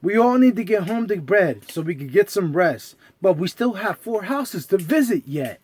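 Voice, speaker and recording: A man's voice: sits high, sing-song, normal speed, darkish tone, breathy edge, heavily acted. A man voicing a kindly old Santa Claus in a children's storybook, speaking in a hearty, emphatic way. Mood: weary, troubled.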